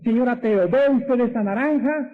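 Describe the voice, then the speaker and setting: Sly little old lady from a village scolding someone, a preacher doing her voice, high and tinny like an old radio. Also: moderate pace.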